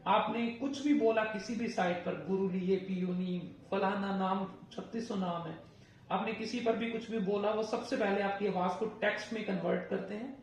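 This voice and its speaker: High-voiced trainer in an echoey room. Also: male voice, recorded from a distance. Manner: emphatic, mixes Hindi with English phrases. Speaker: PTE exam trainer. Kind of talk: classroom-style lecture.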